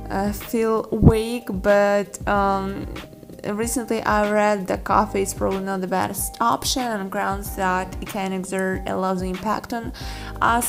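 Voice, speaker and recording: This clip has a young Ukrainian vlogger with a creaky, medium-pitched voice chatting casually in an echoey space where faint music plays. She speaks earnestly but keeps restarting and filling gaps with hesitation sounds.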